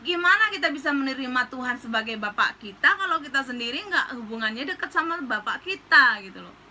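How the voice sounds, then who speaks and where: A woman's voice: high-pitched, lively intonation, fairly quick, sharp tone, slight background noise, poor audio. A woman pastor giving an earnest, casual counseling talk that slips into slang.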